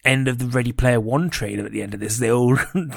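A man in casual chat as a podcast co-host, talking fast and laughing often. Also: medium pitch, creaky, no room sound, studio quality.

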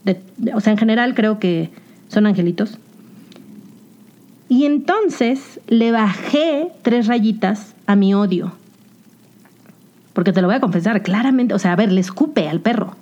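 Young Mexican woman, podcast host; casual, animated storyteller, mid-range voice, muffled lo-fi recording. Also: mid-range voice, unhurried, long pauses. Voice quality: chatty, animated storytelling with English slang. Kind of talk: casual confessional monologue.

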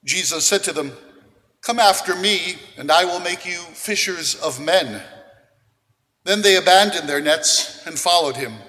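A priest with a high, bright voice reads the gospel and preaches in a measured, deliberate way, pausing between phrases. Every word carries a long cathedral echo, as if spoken in a large church. It sounds like a man giving a homily from the front of a big, open nave.

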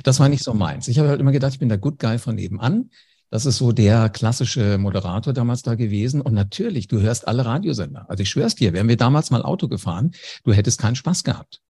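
A man's voice: mid-range voice, expressive, fast talker, warm tone, slightly rough. A man, a former radio host, telling anecdotes in a casual interview, speaking directly to the listener. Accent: German.

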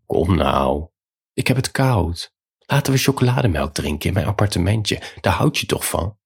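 Flippant married lover, teasing and evasive, deep gravelly voice, read by a man. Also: very animated, normal speed, exaggerated voice. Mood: coaxing. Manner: coaxing, teasing.

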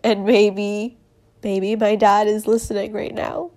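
A young woman speaking in an emotional personal monologue, halting with many fillers and laughing through tears. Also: mid-range voice, flat delivery, darkish tone.

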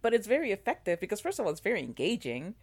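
A woman in casual podcast chat, animated and full of fillers and restarts. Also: mid-range voice, very fast, husky. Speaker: podcast co-host. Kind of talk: casual chat about a TV show.

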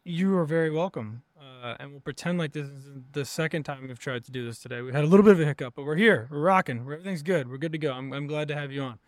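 A man's voice: on the high side, quick pace, few pauses, no echo. A man hosting an interview podcast, upbeat and chatty as he welcomes and questions his guest. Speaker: podcast host.

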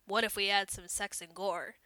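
A woman's voice: medium pitch, fairly even intonation, normal speed, pushed and bright, no room sound, lightly acted. A woman voicing a crude fifty-ish man. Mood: offhand.

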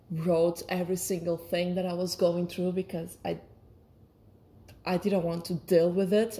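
Lower-voiced woman in casual reflective monologue. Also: warm tone. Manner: hesitant, searching for words, self-correcting. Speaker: solo podcast host.

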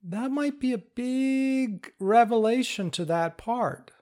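A man giving a patient, step-by-step instructional talk, explaining calmly. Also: extremely high pitch, slow pace. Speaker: teacher of inner-parts work.

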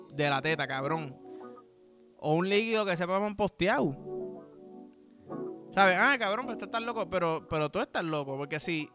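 A man with a Puerto Rican accent hosting a podcast, telling crude comic stories in a rambling, vulgar way and acting out the people in them. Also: sits high. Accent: Puerto Rican Spanish. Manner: vulgar, rambling, acts out voices in his stories. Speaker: podcast host. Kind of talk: crude comedic storytelling monologue.

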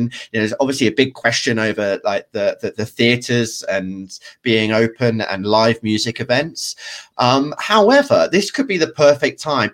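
A man co-hosting a podcast, talking in a lively, animated way. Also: medium pitch. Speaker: podcast co-host. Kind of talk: casual podcast discussion.

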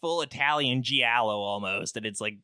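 A man co-hosting a casual film podcast, laughing often as he recaps scenes. His voice is bright and forward, with a dry, close-miked sound and no room around it. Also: mid-range voice, normal speed, clear, resonant tone, no echo. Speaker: podcast co-host.

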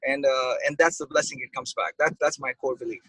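A man, a restaurant owner, talking in a casual podcast interview, an excitable storyteller who acts out quotes. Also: mid-range voice, fairly quick, slightly rough, dry recording, rough recording. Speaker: pizza restaurant owner, guest.

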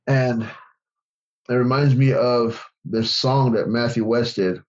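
A man's voice: mid-range voice, slow. Bro-talking man telling a story, lo-fi. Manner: animated storyteller, says bro and dude, restarts often. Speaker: podcast co-host. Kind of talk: casual storytelling. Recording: slightly dull lo-fi audio.

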